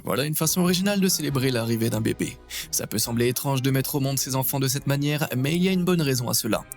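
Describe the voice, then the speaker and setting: A man's voice: mid-range voice, fast talker, soft background music. A man reading scripted nature documentary narration, with a wry and playful manner.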